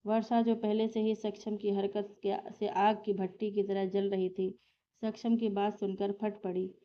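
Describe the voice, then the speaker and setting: A woman narrating a romantic story in a steady, plain reading style. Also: mid-range voice, unhurried, a little hiss or hum. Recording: slightly dull lo-fi recording.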